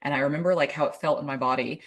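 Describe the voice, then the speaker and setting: A woman's voice: low voice, steady tone, rapid-fire. A woman hosting a podcast, chatting effusively and casually, filling her talk with "like". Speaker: podcast host. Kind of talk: casual interview chat.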